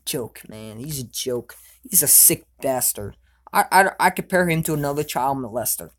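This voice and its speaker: A woman giving an opinionated sports fan rant in a casual vlog, answering viewer questions. She talks emphatically, often asks "you know what I'm saying", and swings between loud outbursts and low mutters. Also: lively intonation, normal speed.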